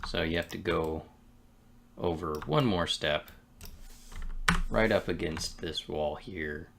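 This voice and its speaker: A man with a very low, gravelly voice talks slowly and casually to himself while building a game at his desk. He muses in short, unhurried phrases, and faint keyboard clicking and background noise sit behind him. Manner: relaxed, musing, talks to himself between pauses. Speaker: game developer streaming his work. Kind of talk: casual thinking-aloud commentary while working.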